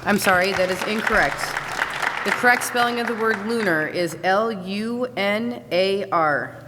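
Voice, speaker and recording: A woman acting as a spelling bee pronouncer, reading each word in a formal, precise, even manner, in a large school hall. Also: medium pitch. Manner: measured, even, precise diction. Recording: echoey hall, loud crowd noise.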